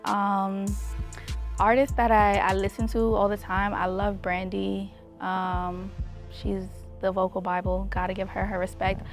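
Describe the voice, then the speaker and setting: Young woman, singer, casual interview, relaxed filler-heavy talk, faint background music. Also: mid-range voice, a little slow. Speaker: R&B singer, guest.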